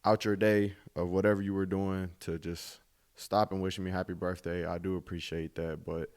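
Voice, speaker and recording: A man's voice: low-pitched, flat delivery, normal speed, a little mellow. A man in his twenties hosting his own podcast, talking in a laid-back, reflective way with casual swearing. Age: 20s. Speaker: podcast host. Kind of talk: casual solo podcast monologue.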